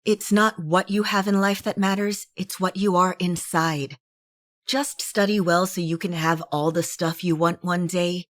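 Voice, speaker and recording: A woman voicing a young woman, an earnest, caring older sister who speaks in a measured way. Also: on the low side, steady tone, no echo, clean studio sound, lightly acted.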